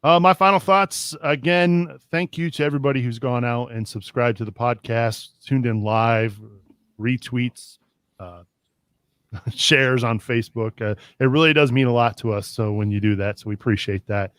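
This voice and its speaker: Relaxed and conversational, a man hosting a soccer podcast closes out segments with thanks to his guests. His medium-pitched voice is clear and resonant at a normal speed, captured in studio quality with no room sound.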